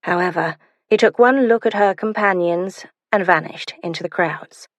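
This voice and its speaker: A woman narrating a historical romance audiobook in a measured, expressive reading. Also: lowish voice, no room sound, studio quality. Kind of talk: scripted narration.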